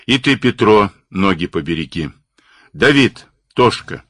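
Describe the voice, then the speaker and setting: A man reading an audiobook, voicing a steady, authoritative male expedition leader. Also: deep voice, a little slow, no room sound, studio quality, heavily acted. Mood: firm.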